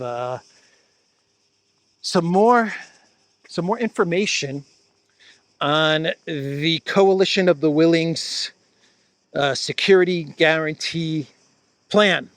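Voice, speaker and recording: A man's voice: on the high side, fairly bright tone, no echo. A man giving casual solo commentary as host, chatty and sarcastic, with many fillers and restarts, laughing at his own jokes.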